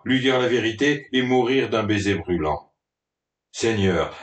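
A man narrating a story in a dramatic, mock-melodramatic reading style. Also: fairly low pitch. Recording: roomy, distant from the mic.

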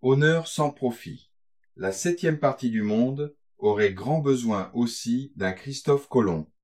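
A man reading aloud, voicing a saucy, quick-witted young maid in an audiobook, pert and mocking. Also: mid-range voice, a little mellow, close to an everyday voice.

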